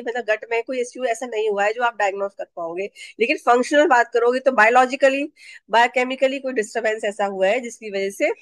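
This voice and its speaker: A woman's voice: a little high, no echo. A woman teaching a neurotherapy class on a video call, explaining patiently, checking in with her listeners and mixing in English terms. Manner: explanatory, repeats and checks understanding; mixes English terms into speech. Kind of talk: online class lecture. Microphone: video call mic.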